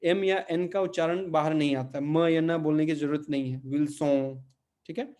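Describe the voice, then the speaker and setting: A man teaching a Portuguese pronunciation lesson, repeating each word slowly and checking in with his listeners. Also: on the high side, steady tone, darkish tone. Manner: patient, repeats words slowly and checks with "ठीक है?". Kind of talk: spoken language lesson.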